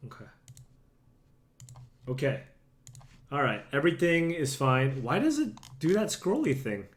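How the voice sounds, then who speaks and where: Young man, slightly hoarse from a cold, casual stream chatter, self-deprecating, talks to his chat at home. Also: fairly high pitch, huge pitch swings, measured pace. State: slightly sick, losing voice. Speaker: streamer playing a card game. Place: home room.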